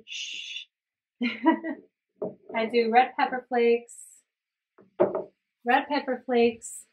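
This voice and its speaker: A young adult woman with a medium-pitched voice, captured on a low-quality recording, runs a casual cooking demonstration from her home kitchen. As a cooking vlogger she's chatty and enthusiastic with viewers, and her stand-mounted camera sits close for talking and slightly further back at the stove.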